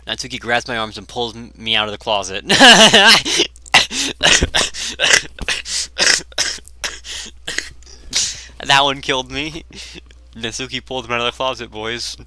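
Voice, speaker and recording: A man's voice: mid-range voice, sharp tone. A man reading a visual novel aloud and commenting on it, often stumbling over words and restarting. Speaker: game player reading aloud.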